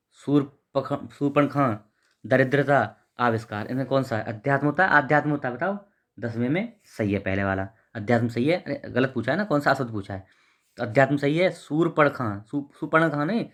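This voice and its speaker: A man's voice: medium pitch, lively intonation, normal speed. A man teaching, reading out each exam question and its options, then correcting the wrong ones with informal, repetitive explanations. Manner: informal, repeats words, reads out options and corrects them. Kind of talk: explaining test answers.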